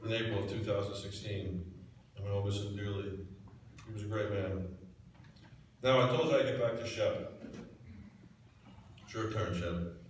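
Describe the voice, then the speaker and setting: A man's voice: fairly low pitch, a little hiss or hum. Middle-aged man giving a speech in an echoing hall. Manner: storytelling, folksy and sincere. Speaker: hall of fame inductee. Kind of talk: heartfelt acceptance speech. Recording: echoey banquet hall, distant mic.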